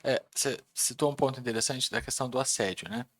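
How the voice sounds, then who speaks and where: A man hosting a podcast, calmly asking his guests questions. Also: medium pitch, fast. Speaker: podcast host. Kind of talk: interview questions.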